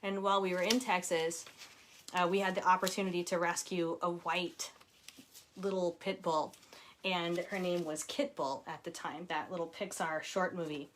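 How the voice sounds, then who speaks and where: A little hiss or hum accompanies this woman's lowish, level voice at a moderate pace. She's an author in her forties running a relaxed live chat from home, warmly chatting, reading out viewers' comments, and laughing frequently.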